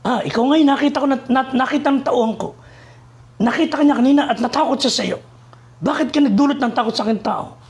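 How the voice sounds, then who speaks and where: A man's voice: extremely high pitch, fast. A man voicing a wealthy master who questions his servant and Death impatiently. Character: stern wealthy master, middle-aged man.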